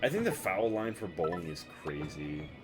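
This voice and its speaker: A man's voice: sits low, sing-song, normal speed, over music. A man doing loose, goofy commentary on a video game tournament, laughing and riffing with friends. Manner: goofy, laughs often, riffs on jokes. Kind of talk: casual joking commentary.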